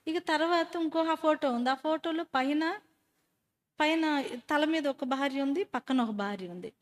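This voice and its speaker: A woman with a high, bright voice tells her faith story to a church group. She speaks as a storyteller and keeps turning to her listeners with questions. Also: a little slow. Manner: animated storyteller who quizzes listeners. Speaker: speaker giving a personal testimony.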